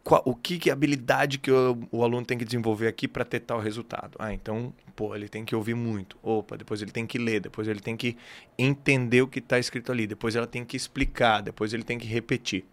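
A man in a casual podcast conversation, explaining his ideas as an English teacher. He talks emphatically and animatedly, mixing in plenty of casual slang. His voice sits in an average pitch. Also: steady tone, fast talker.

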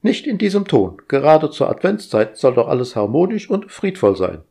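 A shrill, pedantic household AI woman who lectures and scolds everyone around her, voiced by a male reader. She sounds primly fussy and takes every word literally, in a storybook reading with her pitch pushed well up. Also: very animated, moderate pace, gravelly, dark tone, slightly rough, heavily acted. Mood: prim scolding.

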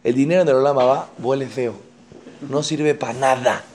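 A man giving a sermon, telling a parable and acting out its characters with sudden loud, high bursts and hushed, low asides. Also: fairly even intonation, normal speed, slight background noise.

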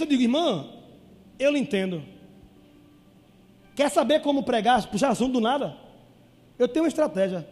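A man with a Brazilian Portuguese accent preaching a sermon, acting out conversations with call-and-response and shouted peaks. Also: very high-pitched, long reverb tail. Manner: call-and-response, repeatedly asking "amém ou não amém?".

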